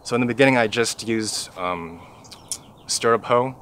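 A young man, a first-year farmer, talking casually in his backyard garden while being interviewed, pausing often with fillers as he thinks. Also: medium pitch, slight background noise. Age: young adult. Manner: relaxed, thinking aloud with many fillers. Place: backyard vegetable garden outdoors.

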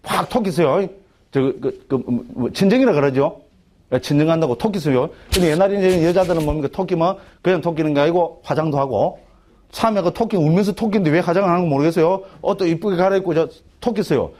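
A middle-aged monk, speaking with a Gyeongsang Korean accent, lectures a class on a Buddhist text in a casual, talkative style, peppering it with "right?" and frequent restarts. His voice is a little high and darkish in tone, with a quick pace.

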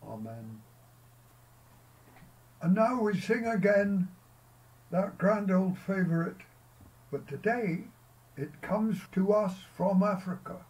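An older Scottish man leads a church service outdoors in a field, giving prayers and a short sermon in a solemn, measured way, captured by a distant camera. His voice is high-pitched and darkish in tone, with lively intonation.

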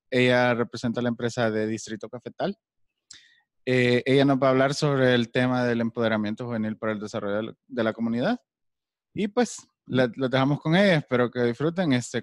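A man in his thirties hosts the session, introducing the guest in an informal, halting way with fillers. His voice sits at a middling pitch and sounds dry and close on a handheld mic, even though he stands in a large library hall. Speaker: host. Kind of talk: introducing a speaker.

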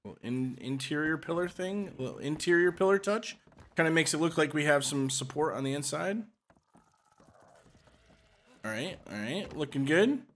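A man's voice: fairly high pitch, lively intonation, moderate pace, long pauses, fairly bright tone, a little hiss or hum. A man hosting a gaming channel, giving casual gameplay commentary with joking instructions and frequent laughter.

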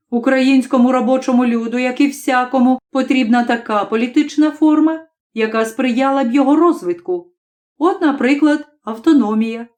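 A woman reading an audiobook, voicing a young male student who argues calmly and evenly. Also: a little high, lightly acted. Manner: measured, arguing.

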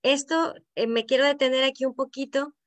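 A middle-aged woman with a Veracruz Mexican accent leads an online poetry class over a video call. Her voice sits a little high. She explains patiently and often tosses in a questioning "no?" to keep her listeners with her. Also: fairly even intonation, a little fast. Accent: Veracruz Mexican Spanish. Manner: explanatory, asks the group to check in with frequent "¿no?". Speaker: poetry workshop teacher. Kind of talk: online workshop lesson.

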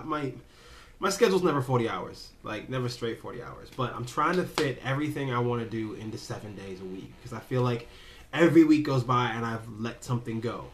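A man's voice: medium pitch, fairly bright tone. A young man talking casually to the camera in a personal vlog, rambling, restarting sentences and joking with himself. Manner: rambling, self-interrupting, jokey. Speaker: vlogger.

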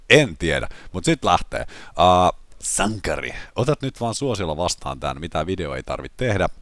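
A man hosts a casual gaming vlog in a voice left hoarse by illness, pitched very deep. He chats along with filler words and jokes at his own expense. The sound is dry and close, with no room echo. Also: very animated, pushed and bright. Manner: self-mocking, chatty with filler words. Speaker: gaming channel host.

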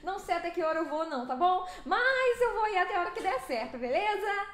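Young Brazilian woman, very high voice, rapid chatty game streaming, laughing often, roomy echo. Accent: Brazilian Portuguese. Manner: lively, fast-talking, laughs often. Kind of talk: live stream chat with viewers.

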